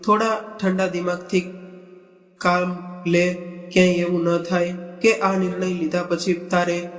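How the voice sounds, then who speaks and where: A worried mother in a storybook, read by a man in a high, flat voice. She speaks in a plain, even way. The sound is echoey and roomy, with soft music underneath. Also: unhurried. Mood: firm. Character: worried mother of a grown daughter.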